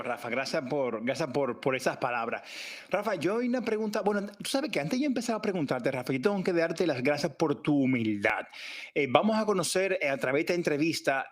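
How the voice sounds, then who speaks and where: A man hosting an interview podcast, introducing his guest in a friendly, grateful way. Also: on the high side. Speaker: podcast host. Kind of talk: casual interview.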